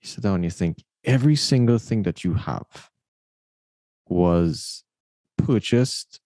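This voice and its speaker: A deep, mellow voice belongs to a podcast host who takes it slowly and speaks expressively. In this casual interview conversation he is thoughtful and tells stories, often repeating words as his sentences get going. There is no room sound.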